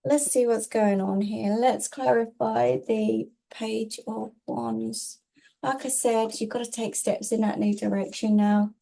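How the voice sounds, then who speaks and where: Mellow-voiced woman giving a tarot reading. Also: on the high side, fairly even intonation, measured pace, creaky. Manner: reassuring, emphatic, repeats in short phrases. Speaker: tarot reader, host. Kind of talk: casual spiritual guidance monologue, tarot reading.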